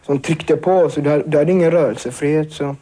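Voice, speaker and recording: A teenage boy recounts a personal ordeal in halting, filler-laden speech. His voice sits a little high but sounds mellow and dark. He restarts often and searches for words. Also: fairly even intonation. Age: teens. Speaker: survivor interviewee. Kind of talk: emotional personal account.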